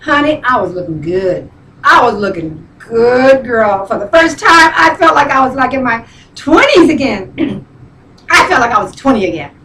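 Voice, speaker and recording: A woman's voice: a little high, sing-song, moderate pace, pushed and bright, recorded from a distance. A middle-aged woman telling a comic, tearful story, chatty and full of "you know", "honey" and "girl".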